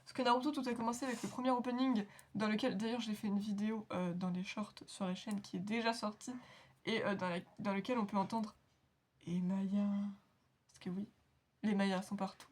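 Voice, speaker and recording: A woman's voice: medium pitch, fairly even intonation, fairly quick. A woman hosting an anime reaction video, chatting casually in a rambling, giggly, self-mocking way. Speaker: anime reaction channel host.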